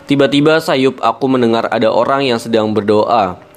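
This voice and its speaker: A man narrating a first-person mystical horror story with measured pacing and dramatic pauses. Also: medium pitch. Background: faint music.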